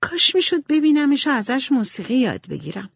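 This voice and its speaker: A woman doing a shy, gentle young girl. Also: sits high, very animated, vocal fry, breathy edge, no room sound, pitched above the performer's own voice, full character voice. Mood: wistful.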